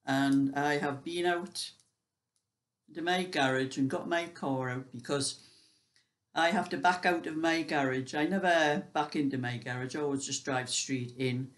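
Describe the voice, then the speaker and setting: A woman's voice: low-pitched, measured pace. Chatty British woman in her seventies. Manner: rambling, conversational storytelling. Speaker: vlogger sharing everyday life. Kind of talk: casual chat.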